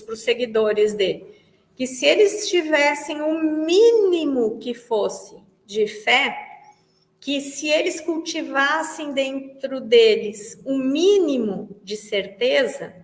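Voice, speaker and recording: Brazilian woman lecturing in an echoing hall. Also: high-pitched. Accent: Brazilian Portuguese. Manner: explanatory, repeats phrases while thinking. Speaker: Spiritist study speaker. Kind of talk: religious study lecture. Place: large meeting hall. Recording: echoey hall with long reverb.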